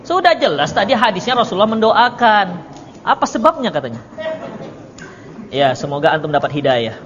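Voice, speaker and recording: A man's voice: sits high, sing-song, normal speed, a bit bright. A man teaching a religious study circle, answering written questions, teasing his audience and acting out little dialogues. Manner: acts out quoted dialogue. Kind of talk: religious lecture with Q&A. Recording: dull lo-fi audio with long reverb and faint noise.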